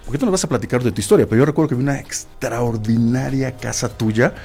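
A man's voice: mid-range voice, quick pace, vocal fry, darkish tone, soft background music. A man hosting a radio talk show, chatty and playful as he welcomes and praises his guest. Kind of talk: casual radio interview chat.

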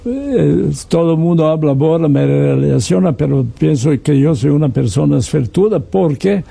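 An older man from Serbia being interviewed, speaking halting Spanish with many fillers and restarts. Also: fairly high pitch, lively intonation, creaky, dark tone, breathy edge. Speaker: interview guest. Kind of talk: conversational interview.

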